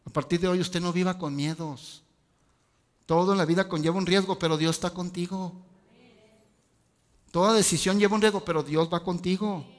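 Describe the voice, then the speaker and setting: A man's voice: high-pitched, steady tone, normal speed, pauses often. A male pastor, preaching a sermon with rhetorical questions and casual asides. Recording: long hall reverb.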